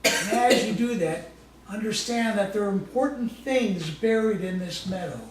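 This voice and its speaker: Picked up by a faraway microphone in a reverberant room with faint background noise, a man with a high-pitched voice speaks at a moderate pace. He's a guest presenter running a live guided imagery exercise, gently coaxing in a folksy, informal style and repeating short phrases again and again.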